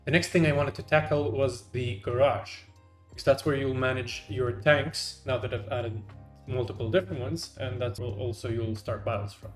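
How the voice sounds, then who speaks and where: A man's voice: mid-range voice, fairly even intonation, normal speed. A young man, a game developer, narrating his devlog in a dry, self-deprecating way. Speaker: game developer and channel host. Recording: roomy echo. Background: faint music.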